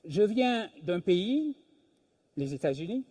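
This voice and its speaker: An older man delivers a public lecture in a slow, deliberate way, leaning on pauses for emphasis. His voice sits fairly high for a man, yet its tone is dark and mellow. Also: big pitch swings, slightly rough. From Senegal. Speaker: invited speaker, philosophy professor.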